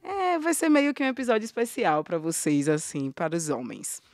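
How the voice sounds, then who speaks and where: A woman hosts a podcast conversation, her voice sitting a little low. She speaks thoughtfully, pausing and filling gaps as she goes. The sound is dry and close to the mic. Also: a little mellow, dry recording. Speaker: podcast host.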